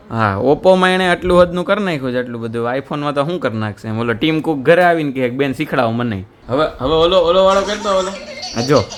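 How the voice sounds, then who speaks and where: A man's voice: on the high side, a bit bright. A young man, chatting and joking in a casual home vlog. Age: young adult. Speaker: vlogger. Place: family home indoors.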